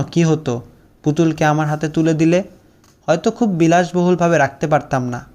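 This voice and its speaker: A man's voice: fairly high pitch, a little mellow. A young man narrating a first-person story, with a sorrowful, heartfelt storytelling manner.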